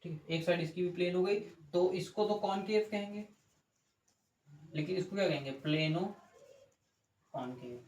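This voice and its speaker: A man's voice: high-pitched, normal speed, a little mellow. A man teaching a physics class, explaining step by step, asking checking questions and correcting himself as he draws. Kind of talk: classroom lecture with board drawing. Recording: echoey room with faint ambient noise.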